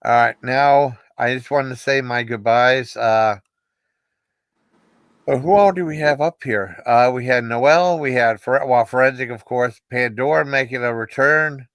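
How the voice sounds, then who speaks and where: A man with a mid-range, slightly bright voice and a measured pace hosts a casual livestream, chatting and signing off in a rambling, informal style with short repeated acknowledgments. The recording is dry.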